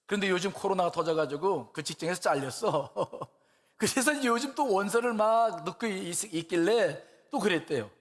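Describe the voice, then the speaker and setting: Male preacher, conversational and questioning, a bit high-pitched, reverberant sanctuary. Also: lively intonation, normal speed. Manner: colloquial storytelling with rhetorical questions. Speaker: pastor. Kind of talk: sermon. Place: church sanctuary. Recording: long church-hall reverb.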